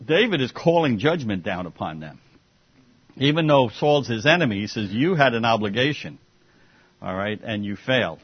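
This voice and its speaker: A man's voice: medium pitch, big pitch swings, moderate pace, husky. A man leading an informal Bible study, explaining scripture in a conversational way with sarcastic asides, and taking questions from the group. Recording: dull muffled classroom recording.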